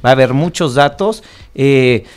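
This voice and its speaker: A man's voice: medium pitch, lively intonation, a little slow, clean tone. Emphatic Mexican man on a panel. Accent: Mexican Spanish. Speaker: panel guest. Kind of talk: casual panel discussion. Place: radio studio.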